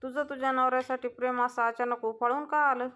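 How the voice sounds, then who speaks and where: A woman's voice: sits high, steady tone, brisk, a bit bright, faint music behind. A woman reading a mocking, scheming rival. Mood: taunting. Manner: taunting, mocking.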